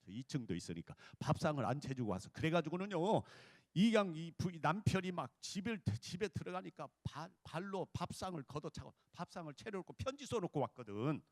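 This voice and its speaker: A man's voice: on the high side, very animated, fairly quick, no room sound, clean studio sound. A man preaching a revival sermon, telling a story with acted-out quotes and leading the congregation in call-and-response. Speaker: pastor.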